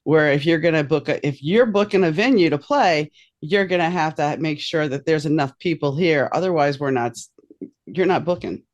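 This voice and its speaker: A woman's voice: low voice, moderate pace, dull audio. Chatty woman host with rambling questions. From New Orleans. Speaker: podcast host. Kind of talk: casual interview chat.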